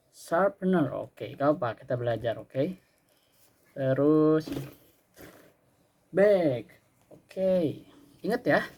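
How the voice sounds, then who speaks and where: A man teaching a simulated English lesson, drilling words with slow repetition and answering his own questions. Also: on the high side, darkish tone, slight background noise.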